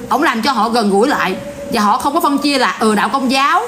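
A woman's voice: a little high, a little fast, noisy background. A woman with a Southern Vietnamese accent ranting bluntly and casually to her viewers in a vlog. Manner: blunt, animated, repetitive ranting. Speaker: vlogger.

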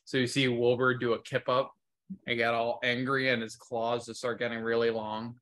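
A man's voice: medium pitch, little pitch movement, moderate pace, a bit bright. A man casually describing his character's moves as a player in a tabletop game. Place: indoors at home, on a video call.

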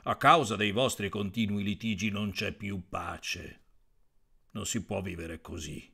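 A man voicing a big, weary old toad who scolds in a low, measured way. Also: fairly even intonation, creaky, pushed and bright, slightly rough, full character voice. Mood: scolding.

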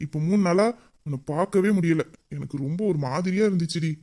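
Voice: medium pitch, brisk, a little mellow, natural voice. Someone playing a sulky, lovesick young man. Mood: downcast. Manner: grumbling, mock-angry, then tender. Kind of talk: romantic audio drama.

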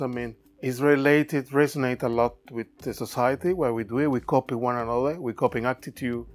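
A Cuban-born artist, Spanish being his native tongue, gives a reflective talk about his art from a cluttered studio workshop indoors. His voice sits in the mid-range, and he speaks with a Cuban accent, thoughtfully and with halting grammar.

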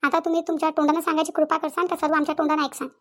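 A woman's voice: high voice, flat delivery, very fast, lightly acted. A woman voicing a chatty young sister-in-law in a village cartoon, bickering and confronting.

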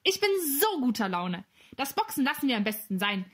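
A woman's voice: on the high side, expressive, fast. A woman voicing a cheerful, good-natured schoolboy in a storybook reading. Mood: happy.

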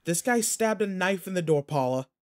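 In an audio roleplay, a man plays a pretend boyfriend who is protective, teasing, and rough-edged yet kind, speaking intimately and casually. His voice is high and animated at a normal speed, and his mood comes across as firm but uneasy.

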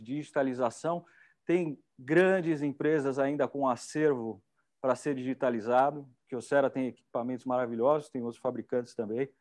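Speaking into a lapel mic, a middle-aged event host with a Brazilian Portuguese accent keeps the chat casual, chatty and enthusiastic. His voice is a little high with a darkish tone.

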